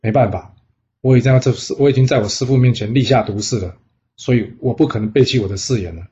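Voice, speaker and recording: A man's voice: medium pitch, fast, dark tone, a little hiss or hum, close to an everyday voice. A man voicing a naive, earnest young prince who has become a Taoist disciple, in a storybook tale, on a dull lo-fi recording. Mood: troubled.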